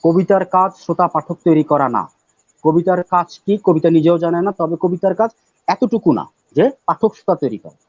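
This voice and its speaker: A man speaking as a guest poet on a live talk show, loud and emphatic, repeating words for stress. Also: on the high side, expressive, moderate pace, dry recording. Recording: dull, dry lo-fi audio.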